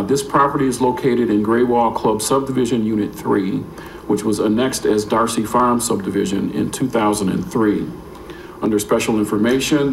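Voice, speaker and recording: A man's voice: mid-range voice, gravelly, darkish tone. An American man, a planning staffer, reading a formal staff report aloud at a public meeting. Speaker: city planning staff member. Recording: echoey room with faint noise.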